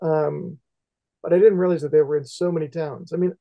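A man's voice: on the high side, fairly even intonation, brisk, creaky, mellow. A middle-aged man from Indiana co-hosting a podcast, asking questions in a rambling, hesitant way with many fillers, over a headset on a video call. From West Central Indiana. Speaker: podcast co-host. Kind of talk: casual interview. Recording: dull lo-fi call audio.

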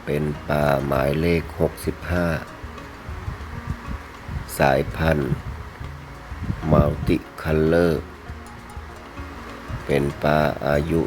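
A man narrates a sales video in a very deep voice. He takes his time, speaking politely in short, separated phrases with little melodic movement. Music plays behind him. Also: little pitch movement, very slow, long pauses, low-quality recording. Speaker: fish seller presenting betta fish for sale.

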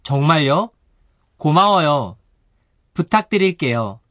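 A man voicing a friendly young man planning a trip, in a scripted textbook dialogue with clear, careful delivery. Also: a little high, very animated, fast, pushed and bright, no room sound. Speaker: dialogue model speaker.

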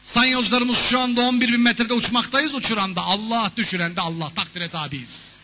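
A man's voice: high-pitched, fairly even intonation, brisk, pushed and bright, a little hiss or hum. A man voicing a pious male airline pilot making solemn intercom announcements. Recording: long reverb of a stage hall.

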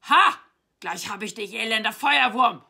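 A woman's voice: fairly high pitch, animated, unhurried, vocal fry, bright, forceful tone, slightly rough, voice pushed up, exaggerated voice. A woman playing a small, boastful male knight in a storybook reading, bellowing pompously.

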